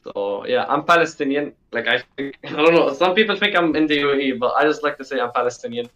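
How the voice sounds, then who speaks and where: A sixteen-year-old guest on a dull-sounding call talks informally in a casual, conversational interview, repeating himself for emphasis. His male voice is mid-range and a bit bright, animated and quick in pace.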